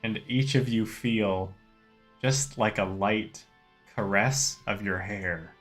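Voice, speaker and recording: A man's voice: fairly low pitch, slow pace, a bit bright, soft background music. A man narrating an improvised tabletop game as the game master.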